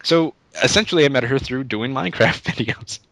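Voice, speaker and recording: A man's voice: mid-range voice, lively intonation, brisk, fairly bright tone, no echo. A young man answering interview questions in a casual, rambling way, often restarting his sentences. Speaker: YouTube Let's Play creator, interview guest.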